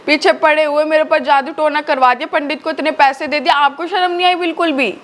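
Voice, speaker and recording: A woman's voice: high-pitched, steady tone, fairly quick, lightly acted. A young woman playing a fed-up daughter-in-law and mother who insists again and again in a home vlog skit. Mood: defiant. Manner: pleading then insistent, repeats demands. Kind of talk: hobby vlog skit acting.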